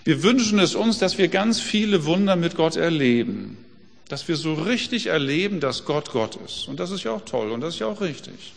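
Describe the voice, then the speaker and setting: Guy preaching, kinda high voice, chatty with lots of questions, big echoey hall. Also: big pitch swings, moderate pace, vocal fry. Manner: conversational, asks rhetorical questions. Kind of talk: sermon.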